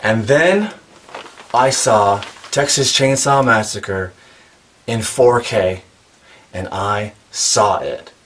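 Filmed from afar in a room crammed with horror collectibles, a forties-aged man chats eagerly about his horror cosplay props for a casual vlog. He speaks very slowly with long pauses, in a voice on the low side with a fairly bright tone, plus a slight hiss or hum.

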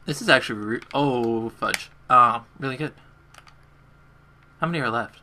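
Streaming gameplay live from his bedroom, this young man chats with viewers in a very bright, forward, mid-range voice at a normal speed. His talk is casual and self-deprecating while he plays. Faint key clacks and slight background noise come through.

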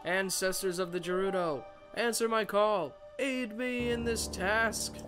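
A man's voice: high voice, a little slow. A man reading the lines of an earnest young girl chief from a video game, with solemn emphasis. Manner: reads dialogue aloud with solemn emphasis. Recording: game music playing loudly behind.

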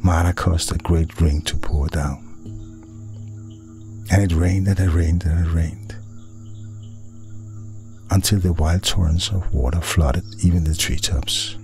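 A man, a Buddhist monk, reading a scripted story aloud in a dramatic, deliberate way. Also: deep voice, fairly even intonation, a little mellow, soft background music.

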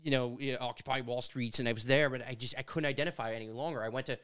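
Here is an animated man from Canada in his thirties, telling stories in a relaxed sit-down chat. His voice is smooth and resonant at a middle pitch, picked up close on a studio boom mic. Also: rapid-fire. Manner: animated, gesturing storyteller. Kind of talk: casual conversation. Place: studio with brick walls. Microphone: studio mic on boom arm.

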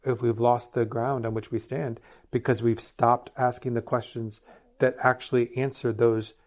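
A middle-aged man, a priest co-hosting a podcast, talking in a lively, playfully opinionated casual chat. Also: mid-range voice, moderate pace. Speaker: priest co-host.

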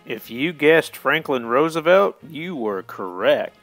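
A man's voice: a little high, big pitch swings, slow, a bit bright, soft background music. A man hosting a school quiz segment, speaking in a playful quiz-host manner as he narrates questions and answers. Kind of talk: scripted narration.

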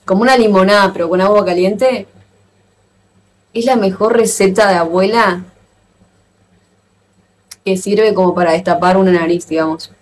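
A woman's voice: mid-range voice, moderate pace, long pauses. Playful Argentine woman livestreaming. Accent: Argentine Spanish. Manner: chatty and playful, exclaiming and laughing often. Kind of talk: casual live stream chat with viewers.

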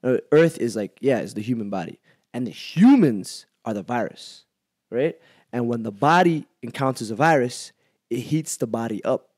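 Animated young man, dry close sound. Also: mid-range voice, moderate pace, husky, no room sound. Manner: animated storytelling, laughs often. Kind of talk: casual podcast chat.

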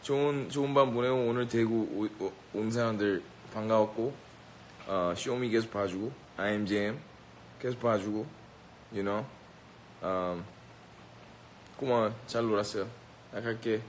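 A man's voice: fairly low pitch, steady tone, unhurried, long pauses, slight background noise, low-quality recording. A man bantering with a live audience in a brash, boastful, mock-bossy way, teasing and giving orders as a joke. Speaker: rapper addressing a live audience.

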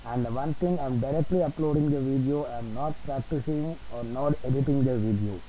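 A man's voice: medium pitch, moderate pace, dark tone, slight background noise, poor audio. A man presenting an unscripted spreadsheet tutorial, dictating keystrokes and entries word by word. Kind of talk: unscripted screen-recorded tutorial.

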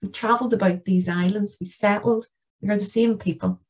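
A woman's voice: mid-range voice, steady tone, fairly quick, darkish tone, slightly rough, rough recording. A middle-aged woman with a Northern Irish accent giving an earnest, plain-spoken lecture with slides in a church. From Northern Ireland. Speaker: guest lecturer.

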